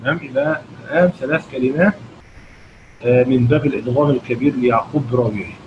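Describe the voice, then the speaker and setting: A man with an Egyptian accent explains recitation rules in a patient lesson, tossing out questions to his listeners and answering them himself. His voice sits in a middle register. The recording is dull and lo-fi, with steady background noise beneath him. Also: medium pitch, fast. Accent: Egyptian Arabic. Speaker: Quran recitation teacher.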